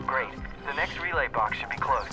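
A woman playing a lively young female friend who teases in an animated way. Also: a bass voice, normal speed, slightly rough, soft background music, exaggerated voice. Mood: teasing. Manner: teasing, animated.

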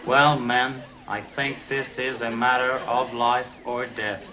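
Actor as a slow, portentous police chief. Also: male voice, mid-range voice, over a noisy crowd, lightly acted. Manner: deliberate, portentous deadpan. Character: stern, self-important male American TV police chief. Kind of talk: cop show parody acting. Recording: old TV soundtrack, loud audience and noise.

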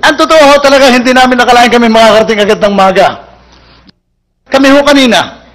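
A man's voice: very high voice, quick pace, a bit bright. A Filipino man telling a long comic story in a stage routine, acting out the characters he quotes. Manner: acts out quoted characters with raised voice. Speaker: comedian telling jokes.

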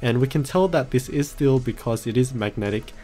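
A man narrates a product review as a voice-over. His pitch sits in the middle of the male range. He explains things in a matter-of-fact way, with music playing behind him. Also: fairly quick, warm tone. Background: background music.

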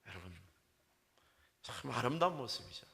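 A male pastor with a Gyeongsang accent, preaching a Sunday sermon and telling folksy jokes in an animated way. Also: mid-range voice, normal speed, creaky. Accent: Gyeongsang Korean. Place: church sanctuary. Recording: long church-hall reverb.

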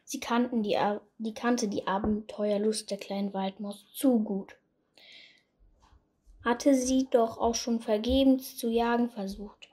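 A woman reading a Christmas fairy tale aloud in a calm, soft storytelling manner. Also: on the high side, measured pace, breathy edge.

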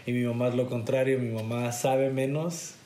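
Seated on a couch in an indoor garage set, this guest, an American man in his twenties, recounts his childhood conversationally, leaning heavily on "este" as a filler. His mid-range voice is warm, with fairly even intonation and a normal pace, and the room adds reverb.

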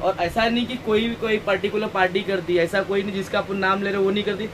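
Chatty man with a high voice in a noisy shop. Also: steady tone, fast. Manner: chatty, preachy asides. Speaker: shop owner showing stock. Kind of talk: casual product walkthrough. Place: crowded housewares shop, indoors. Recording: noisy shop with traffic outside.

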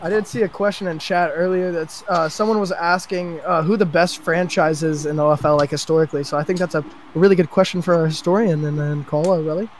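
A man's voice: fairly high pitch, steady tone, fast, hardly any pauses, slight background noise, low-quality recording. A man co-commentating a livestream, laughing often and playful. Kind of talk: casual livestream chat.

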